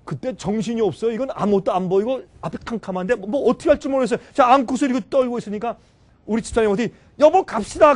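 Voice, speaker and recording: Emotional high-voiced Korean pastor preaching. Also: male voice. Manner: swings between loud exclamations and quiet, low asides; emotional storytelling, addresses listeners directly. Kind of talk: sermon. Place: church seminar hall.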